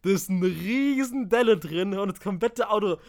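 A man telling a story in casual chat, animated, acting out quotes, swearing and laughing. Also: sits high, normal speed. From village.

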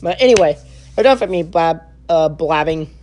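A young man giving a casual spoken review, halting and full of filler sounds and restarts. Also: fairly high pitch, animated, a little mellow, a little hiss or hum. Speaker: wrestling show reviewer.

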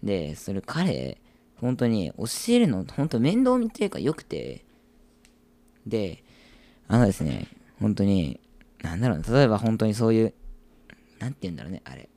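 Young guy w/ chatting quick, low voice jumping all over. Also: no room sound. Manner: rambling, restarts, animated bursts. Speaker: podcast co-host. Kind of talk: casual chat in Japanese.

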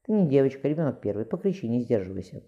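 A woman's voice: extremely low pitch, very animated, fast talker, warm tone, muffled recording. A man voicing a caring middle-aged mother who also acts as a midwife, firm and soothing.

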